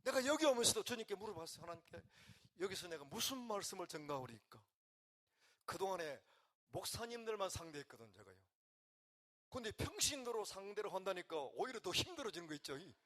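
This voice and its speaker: An older man, a pastor from the region, preaching, swinging between quiet, emotional talk and loud calls to the congregation. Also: sits high, very animated, a little fast. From Gyeongsang region, Korea. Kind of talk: sermon.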